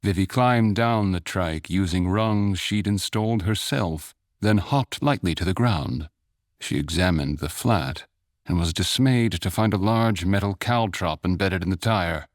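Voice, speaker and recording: A man narrating a fantasy short story in a measured, even storytelling manner. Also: low voice, dry recording, clean studio sound. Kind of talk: scripted audiobook narration.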